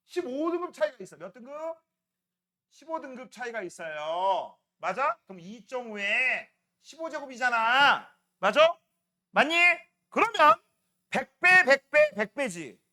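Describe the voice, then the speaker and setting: A man's voice: very high-pitched, normal speed. A man teaching a middle school science class, quizzing students by name and checking in constantly as he works through problems in a classroom. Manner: lively, swings between loud and quiet.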